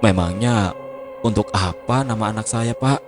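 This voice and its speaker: A man's voice: on the low side, normal speed, close to an everyday voice. A man voicing a puzzled husband who asks guarded questions, his voice raised. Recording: music playing behind.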